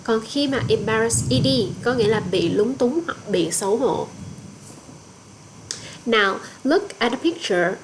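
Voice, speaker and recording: Higher-voiced Vietnamese woman teaching English. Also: lively intonation, unhurried, background noise. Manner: explains each word in English, then again in Vietnamese. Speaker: high school English teacher. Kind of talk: bilingual vocabulary lesson.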